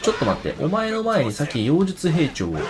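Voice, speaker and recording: A man's voice: a little high, wildly swooping pitch, normal speed. A man giving casual let's-play commentary, chatting to himself and talking back to the enemies on screen. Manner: chatty, reacts aloud and talks back to enemies. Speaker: game streamer. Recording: game music playing loudly behind.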